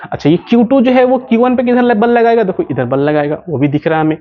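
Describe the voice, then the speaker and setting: A man's voice: high voice, fast. A male physics teacher lecturing at a board, who keeps asking questions and answering them himself. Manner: repetitive, asks questions then answers them. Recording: dull lo-fi sound.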